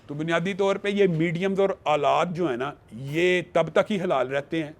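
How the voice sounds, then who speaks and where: A man speaking emphatically as a panelist in a studio discussion, quoting scripture to build his argument. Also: fairly high pitch. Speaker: religious panelist.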